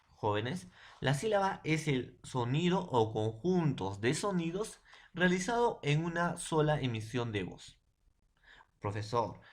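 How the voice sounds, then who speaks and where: A man from Peru teaching a secondary school language class, explaining patiently and repeating his points, with frequent tag questions and fillers. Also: mid-range voice. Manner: repetitive, fills every phrase with tag questions and addresses. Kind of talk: recorded online class lecture.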